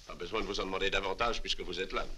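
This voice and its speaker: In a dubbed adventure film, a man plays a confident, resolute army captain addressing his men, composed and assured. His deep voice is steady, rapid-fire, bright and forceful, clipped and authoritative, with a little hiss or hum behind it.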